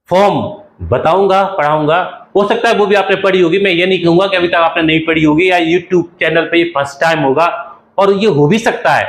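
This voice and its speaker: A man teaching an English grammar lesson, explaining slowly and repeating points with everyday examples, writing on a board. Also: on the high side, roomy sound, rough recording. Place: classroom with a board.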